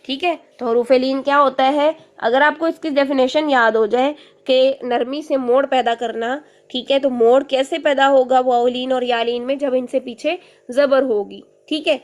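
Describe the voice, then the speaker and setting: Woman teacher, higher-pitched voice, patient, step-by-step explanations with frequent check-ins. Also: fairly even intonation, normal speed, muffled recording. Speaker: Quran recitation teacher.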